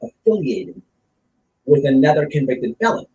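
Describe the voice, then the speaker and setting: A mid-range, warm, very animated male voice at normal speed, with the highs cut off, belongs to a streamer sharing blunt, casual opinions. He repeats phrases for emphasis and works through examples. It's recorded on a distant mic with room echo and faint noise.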